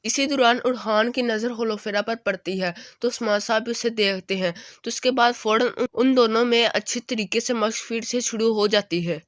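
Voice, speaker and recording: Woman recap narrator, slightly high voice, even storytelling delivery, dry close sound. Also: hardly any pauses, no echo. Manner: steady storytelling, reads quoted lines in her own voice. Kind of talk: retelling a drama episode.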